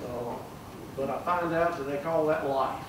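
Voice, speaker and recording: A man's voice: fairly high pitch, normal speed, recorded from a distance, noisy background. An older man, a judge giving a folksy memorial speech with many fillers. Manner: folksy, warm storytelling with fillers. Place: large room at a plaque dedication. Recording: echoey room, mic from afar.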